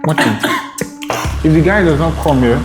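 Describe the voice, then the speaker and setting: Higher-voiced man hosting a casual quiz. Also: moderate pace, very noisy. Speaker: quiz host. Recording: echoey room with loud music.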